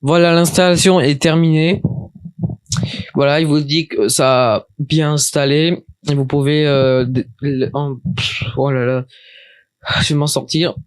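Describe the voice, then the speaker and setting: A man's voice: a little high, fairly even intonation, a little slow, long pauses, smooth, no room sound. A man talking through a casual computer tutorial from his desk, chatty and hesitant, often stopping and starting again. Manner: hesitant, many restarts and fillers, chatty. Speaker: tutorial maker. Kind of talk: casual screen-recorded software tutorial.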